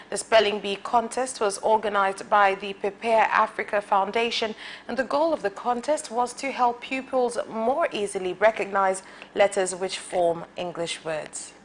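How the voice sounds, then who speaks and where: A woman anchor at a medium pitch, reading scripted news in an even, formal manner. There is faint noise in the background.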